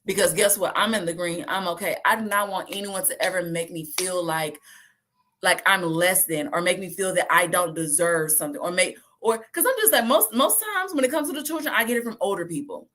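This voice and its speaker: A woman, talking casually and lively to her viewers and acting out the voices she quotes. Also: mid-range voice. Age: 30s. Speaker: host.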